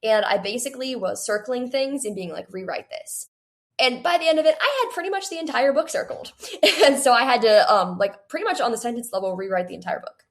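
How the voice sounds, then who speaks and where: An eighteen-year-old woman with a fairly high voice talks a little fast as a guest author in a casual interview about writing. She rambles, says "like" often, and quotes bits of her own self-talk.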